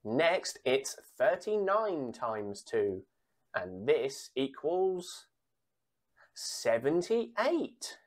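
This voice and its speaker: Female bingo caller for a kids' numbers game: very slow, measured delivery with lively swings in pitch. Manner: measured calling with pauses before each answer and repeated digits. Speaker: bingo caller for a children's times tables game. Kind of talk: bingo caller reading out sums and answers.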